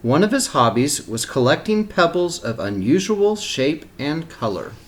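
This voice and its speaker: A man reading a picture book aloud to young children, expressively and with deliberate phrasing. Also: fairly high pitch, very animated, a little hiss or hum. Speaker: storybook reader for kindergarten children. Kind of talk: read-aloud storytelling with short asides.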